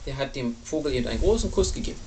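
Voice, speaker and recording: A woman reading a picture book aloud to a small child at home, lively and child-directed. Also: extremely low pitch, very fast, a little hiss or hum.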